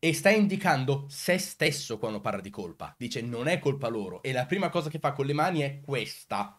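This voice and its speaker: Male commentary host, medium-pitched voice, emphatic delivery full of rhetorical questions to the audience. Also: big pitch swings, brisk. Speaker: video host. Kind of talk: commentary answering comments on recorded clips.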